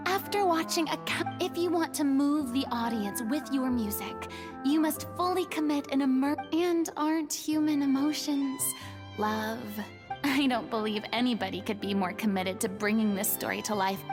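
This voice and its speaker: An actress voicing a theatrical, proud young former deity in a video game, talking with dramatic, flustered bluster. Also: female voice, sits high, expressive, moderate pace, over music.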